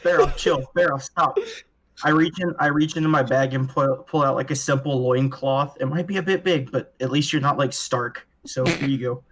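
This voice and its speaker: A man playing a tabletop game, excitable and prone to shouting. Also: medium pitch, moderate pace, a little hiss or hum, poor audio. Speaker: player.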